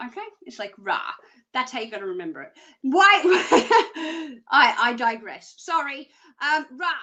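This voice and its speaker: A woman's voice: high-pitched, pushed and bright. A woman presenting a live psychic reading show, chatty and rambling with jokey asides, often checking in with "okay?".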